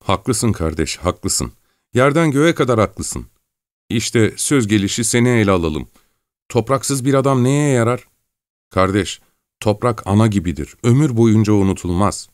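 A man's voice: lowish voice, animated, measured pace, no room sound, clean studio sound, voice pushed up. A man voicing a timid young peasant lad who pleads in a raised, whiny voice in an audiobook story. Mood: earnest.

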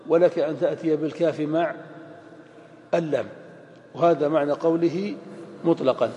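A man teaching grammar in a lecture, speaking slowly and repeating each example phrase. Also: a little high, dark tone, lo-fi sound. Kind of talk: lecture explaining Arabic grammar. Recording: echoey lecture hall with faint noise.

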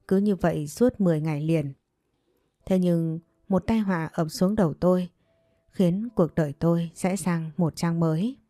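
A woman narrates a first-person story in an even, steady, sorrowful voice. Her voice is low and mellow. It is recorded dry and close, with faint music beneath. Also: dry recording.

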